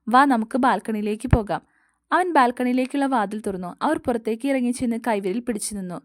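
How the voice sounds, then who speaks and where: A woman narrating an audio story with steady, even pacing. Her voice sits fairly high, and the recording is dry and close-miked. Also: no echo. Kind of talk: scripted narration.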